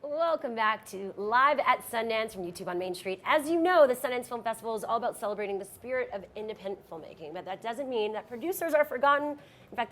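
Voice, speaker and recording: A woman hosting a live festival show, moving briskly between guests with upbeat segues. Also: medium pitch, fairly bright tone, a little hiss or hum. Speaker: host. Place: festival venue lounge.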